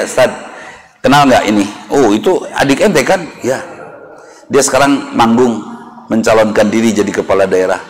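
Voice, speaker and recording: A man with a Sundanese accent preaching a sermon in a mosque, lively and animated, acting out little dialogues with rising intonation. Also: mid-range voice. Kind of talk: Islamic sermon.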